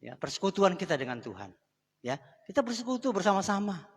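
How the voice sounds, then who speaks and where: A man delivers a chatty, conversational sermon, sometimes breaking off into asides and personal stories. His voice sits fairly high for a man. The live church sanctuary gives a long, ringing reverb. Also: very animated, brisk, husky. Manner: conversational preaching, often addressing the congregation as saudara. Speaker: pastor. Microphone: live microphone.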